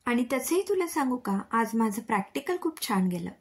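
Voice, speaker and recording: A woman voicing a cheerful, teasing young female college student in a storybook reading, with a breathy voice. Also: a little high, big pitch swings, fairly quick, a little hiss or hum, voice pushed up. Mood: playful.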